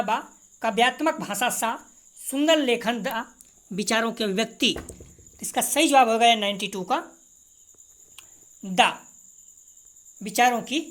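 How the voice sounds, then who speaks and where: A woman teacher reads exam multiple-choice questions and answers, repeating each correct answer and informally to her students. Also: fairly high pitch. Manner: informal, addresses students directly.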